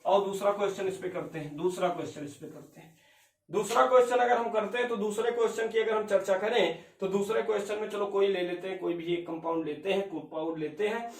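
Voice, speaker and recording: Man, chemistry teacher, high voice, energetic call-and-response, distant mic, roomy echo. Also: creaky. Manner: energetic, repeats questions and answers them, calls students beta and bhaiya. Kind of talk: classroom lecture with call-and-response questions. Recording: echoey room, voice from far off.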